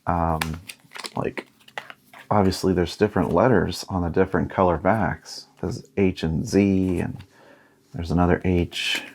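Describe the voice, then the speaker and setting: With a deep, low voice and a darkish, steady tone, this thirties-aged board game unboxing host talks at a measured pace. He muses casually and now and then reads from what's in front of him.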